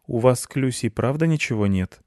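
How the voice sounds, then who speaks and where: A man voices a teenage daughter who speaks quietly and thoughtfully, her voice only slightly raised. The sound is close and dry. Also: mid-range voice, lively intonation, brisk, dry recording, voice pushed up, lightly acted. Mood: quiet curiosity.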